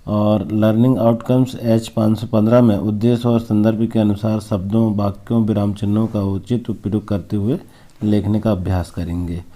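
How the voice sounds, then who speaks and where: Low dark-voiced male teacher. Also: little pitch movement. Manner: slow, explaining, reads examples aloud. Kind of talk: recorded class lesson.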